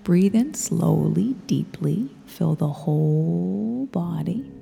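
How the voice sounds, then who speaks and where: Soft, whispery woman, very dark and creaky. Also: fairly low pitch, lively intonation. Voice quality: breathy, whispery. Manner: soothing, gentle, unhurried instruction. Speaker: guided rest meditation instructor. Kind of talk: guided meditation in a soft, whispery spa-like voice. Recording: long reverberant echo, faint music behind.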